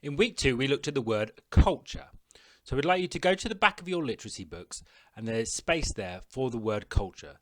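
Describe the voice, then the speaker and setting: A man presenting a recorded classroom lesson, giving clear step-by-step instructions to pupils. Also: medium pitch, very animated, a little fast, a bit bright. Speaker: teacher.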